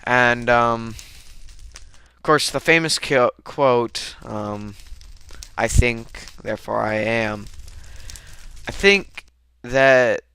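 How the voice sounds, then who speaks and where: A man's voice: medium pitch, drawn-out words, sharp tone, smooth. A young man co-hosting a casual philosophy chat, hesitant and full of ums and restarts. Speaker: co-host.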